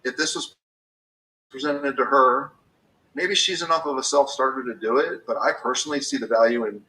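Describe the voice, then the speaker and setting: A man's voice: mid-range voice, moderate pace, sharp tone, distant mic, low-quality recording. A man in his fifties talking casually about business, rambling with many restarts and fillers. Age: 50s.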